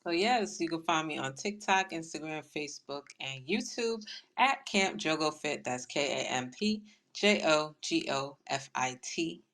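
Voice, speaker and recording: A woman's voice: low-pitched, expressive, measured pace, a bit bright. A woman co-hosting a podcast, chatting casually and trailing off with fillers. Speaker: podcast co-host. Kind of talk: casual chat.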